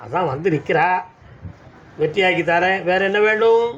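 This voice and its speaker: A man's voice: high voice, moderate pace, fairly bright tone. A man with a southern Tamil accent speaking as the deity at a village temple, giving commanding, scolding answers to devotees. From Tamil Nadu. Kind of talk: trance oracle addressing devotees. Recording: dull audio with faint background noise.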